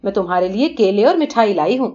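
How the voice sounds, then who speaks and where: A woman's voice: medium pitch, expressive, mellow, lightly acted. A woman reading the lines of a caring aunt who asks worried questions, in a dull lo-fi recording. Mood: worried fussing. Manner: anxious questioning.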